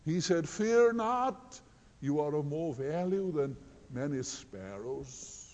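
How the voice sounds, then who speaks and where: Male preacher, high mellow voice, slow and earnest, long hall reverb. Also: lively intonation. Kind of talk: sermon.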